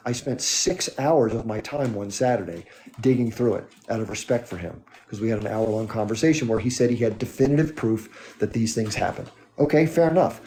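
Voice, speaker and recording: A man's voice: lowish voice, a little fast, mellow, a little hiss or hum. A man hosting a live stream, arguing in an emphatic way and firing off rhetorical questions. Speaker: livestream host. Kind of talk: heated political monologue.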